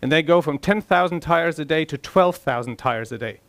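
A man's voice: on the high side, normal speed, dry recording. A middle-aged man from Denmark, an agile coach, speaking on a conference stage in a conversational way with fillers and restarts. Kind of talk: conference talk. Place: large conference hall stage.

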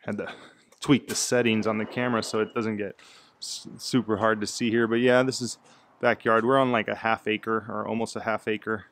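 A man's voice: fairly low pitch, level tone, moderate pace, fairly bright tone. A man in his thirties giving a casual, rambling tour of his house as he walks from room to room, with plenty of fillers and restarts. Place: indoors in a house, walking room to room.

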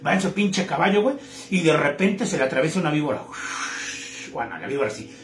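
A man's voice: on the high side, expressive, fast talker, echoey room. A man with a Mexican accent telling crude jokes on a live stream, chatting with viewers in slang.

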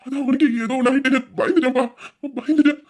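A man's voice: very high-pitched, steady tone, quick pace, pitched above the performer's own voice. A man doing an anxious tearful young man. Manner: shaky, worried pleading.

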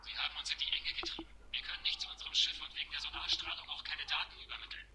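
A man with a slightly high, steady voice speaks in rapid-fire bursts, playing a male marine in a video game who's pinned down and calling for help. His clipped military speech is terse and comes through a sci-fi radio communicator over a noisy, crackling channel.

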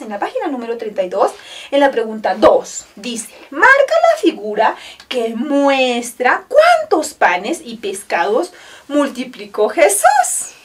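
A woman teacher tells a story to small children in a high, wildly swooping sing-song voice. She talks slowly and makes everything sound exaggerated and encouraging. Her voice sits a little off the mic. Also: far from the mic. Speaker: kindergarten teacher. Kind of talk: storytelling lesson for young children.

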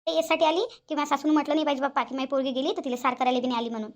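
A woman's voice: high voice, level tone, rapid-fire, lightly acted. A woman voicing a bossy, sarcastic older mother-in-law in a cartoon, with a nagging, scolding way of talking. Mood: complaining. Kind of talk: cartoon voice acting.

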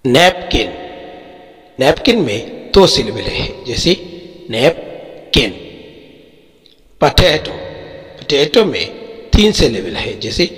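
Male teacher, Pakistani accent, very slow deliberate lesson delivery in a reverberant room. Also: medium pitch, very animated, fairly bright tone. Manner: slow, drawn-out word-by-word explanation. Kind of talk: textbook lesson walkthrough.

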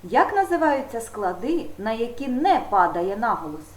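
Teacher, woman, high animated voice, patient and emphatic with children, echoey room. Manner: slow, emphatic, addressing children directly. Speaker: primary school teacher. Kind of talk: video lesson for fourth graders.

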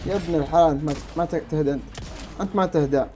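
Fast-talking excitable gamer man. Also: on the high side, background noise. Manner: excitable, talks to himself and viewers, shouts at enemies. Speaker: gameplay streamer. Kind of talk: casual gameplay commentary.

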